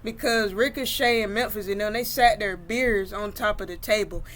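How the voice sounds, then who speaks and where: A woman telling a homemade story in a relaxed, rambling way, full of ums and restarts as she goes. Her voice sits at a middling pitch, with a faint hiss of background noise under it. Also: moderate pace. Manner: rambling, with many fillers. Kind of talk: casual oral storytelling.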